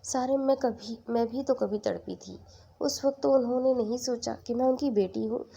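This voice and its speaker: A wounded young daughter who talks through tears, her voice pitched a little above the narration, read by a woman storyteller. The grain stays husky and gravelly with a mellow tone. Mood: hurt. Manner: sobbing, hurt.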